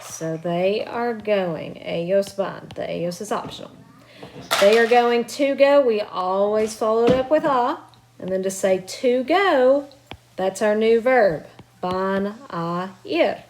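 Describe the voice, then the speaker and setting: A woman teacher records a remote grammar lesson from her home. Her voice sits at an ordinary middle pitch for a woman. She explains each step patiently and keeps encouraging her students. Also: animated, slow pace, darkish tone, slight background noise. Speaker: Spanish teacher. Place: at home with children nearby.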